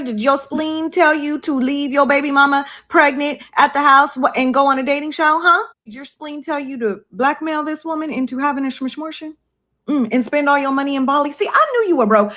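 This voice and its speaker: Sassy high-voiced woman reviewer. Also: a bit bright. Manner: sassy, blunt, profane commentary. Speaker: reality TV reviewer. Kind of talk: casual recap chat.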